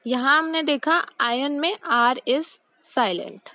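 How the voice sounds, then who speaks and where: A young woman teaching English pronunciation in a mix of Hindi and English, repeating each word and reading example sentences slowly and deliberately. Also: high-pitched, animated, sharp tone, dry recording, poor audio. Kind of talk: explanatory lesson mixing Hindi and English.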